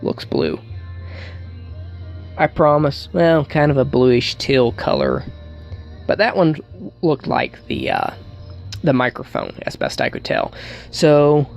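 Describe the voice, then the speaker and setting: A man giving a casual hands-on tutorial, thinking aloud in a halting way as he works, with wry humour. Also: mid-range voice, very animated, creaky, faint music behind. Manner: thinks aloud while working, halting, wryly joking. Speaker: hobbyist demonstrating an electronics hack.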